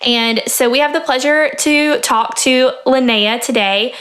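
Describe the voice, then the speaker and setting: A woman's voice: high voice, a little slow, a bit bright. A woman hosting a casual podcast in an upbeat, enthusiastic way. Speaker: podcast host.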